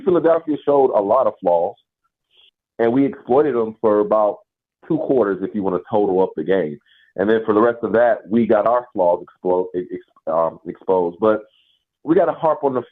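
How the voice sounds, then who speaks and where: A man phones in to a sports talk radio show, his lowish voice squeezed into a thin, tinny phone line. He talks casually and with emphasis, a frustrated fan venting about the game. Every word comes through the narrow band of a call-in line. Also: lively intonation, moderate pace. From Nashville area, US South. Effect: caller heard over a phone line.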